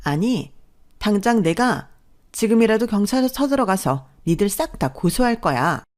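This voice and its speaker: Reader doing a loud, arrogant sister-in-law, sneering threats, radio drama. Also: female voice, mid-range voice, sing-song, normal speed, close to an everyday voice.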